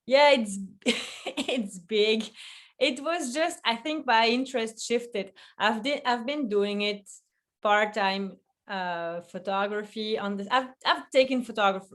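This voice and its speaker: A chatty Belgian woman, a food photographer appearing as a guest, talks in a casual interview over a video call. Her voice is fairly high and slow, and she laughs often and restarts her sentences many times.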